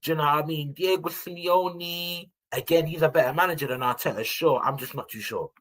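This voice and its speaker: A man's voice: on the high side, a little fast, low-quality recording. A young man, a football podcast regular giving his opinions in casual, slangy banter. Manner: animated slangy banter, addressing listeners as people. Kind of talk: casual fan chat.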